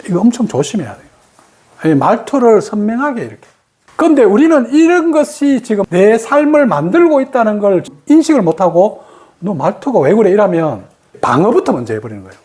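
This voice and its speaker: Brief: woman meditation teacher, Gyeongsang accent, very animated pitch, mid-range voice, acts out quoted lines. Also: fairly quick. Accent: Gyeongsang Korean. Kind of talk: spoken meditation lesson.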